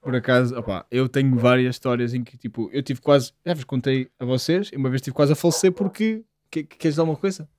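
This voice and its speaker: Young guy rambling slangy stories to his mates, quick talker, close dry sound. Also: medium pitch, darkish tone, no echo. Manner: slangy, rambling, self-deprecating. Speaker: podcast co-host. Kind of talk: casual anecdote telling among friends.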